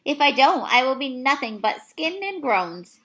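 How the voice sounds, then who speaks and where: A woman voicing a very old, friendly male giant from a children's storybook, excitable and easily forlorn, with muddled grammar and invented words. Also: sits high, unhurried, heavily acted. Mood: apologetic.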